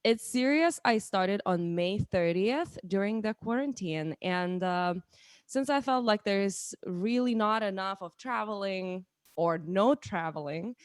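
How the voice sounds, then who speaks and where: A woman's voice: mid-range voice, animated, unhurried, smooth, no room sound. Lithuanian-accented woman host, 30s, chatty live stream, dry close sound. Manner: chatty, with frequent restarts and fillers. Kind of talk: casual live-stream chat.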